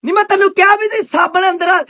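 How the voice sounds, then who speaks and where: A man playing a loud, quarrelsome middle-aged village woman with a Punjabi accent in a comedy skit, shrill and nagging. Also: fairly even intonation, fast talker, exaggerated voice. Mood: bickering. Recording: noisy recording.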